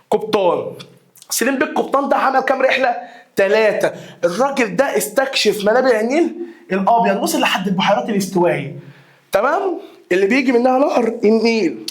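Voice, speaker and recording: High-voiced fast Egyptian teacher. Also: male voice. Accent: Egyptian Arabic. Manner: animated, repeats key words and quizzes listeners. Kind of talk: exam review lesson.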